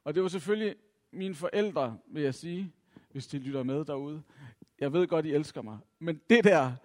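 A man's voice: fairly high pitch, darkish tone. A middle-aged man from Denmark telling a personal story to an audience, reflective and self-mocking, with lots of filler sounds. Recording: long reverb from a hall.

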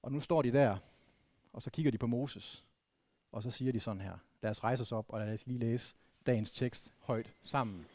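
A man's voice: medium pitch, a little mellow, no room sound. A man from northern Denmark preaching a sermon in a conversational way, often restarting and adding questions to the congregation. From Vendsyssel, Denmark. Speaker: pastor.

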